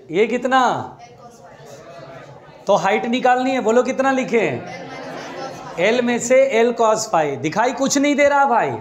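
A male physics teacher, giving a classroom lecture in a chatty, teasing way, coaxing his students along. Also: very high-pitched.

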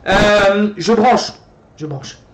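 A tired young man streaming live, chatting in a slangy, excitable way with groaning exclamations. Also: sits high, drawn-out words, heavy background noise. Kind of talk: casual live-stream chat.

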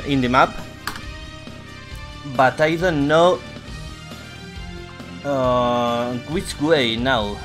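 A man with a Spanish accent, a native Spanish speaker, giving casual gameplay commentary in halting English, swearing a lot and mocking himself. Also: a little high, fairly bright tone. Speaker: streamer.

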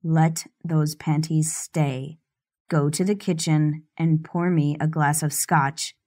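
A woman's voice: low voice, fairly even intonation, takes it slowly, mellow, pitched below the performer's own voice. Woman putting on a cold, possessive man's voice. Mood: commanding. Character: possessive domineering young man, cold and commanding.

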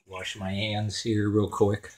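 This home cooking show host talks slowly in a lowish voice with a completely flat delivery, carving meat in a cramped kitchen. His talk is crude and jokey, and he keeps chopping as he speaks. The counter camera also picks up clattering in the background.

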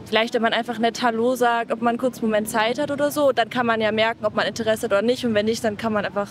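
A young woman speaks into an interviewer's handheld mic on a busy shopping street. Her voice sits a little high, and she talks fast. She answers loosely, searching for words with many fillers. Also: steady tone, a little hiss or hum. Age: young adult. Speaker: passer-by interviewee. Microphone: handheld microphone held by interviewer.

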